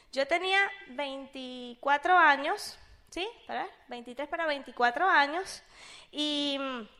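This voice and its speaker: A high-pitched woman with a Venezuelan accent tells a personal story in a casual, chatty way. She is animated and jumps in pitch when she acts out what other people said. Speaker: speaker sharing a personal business testimony.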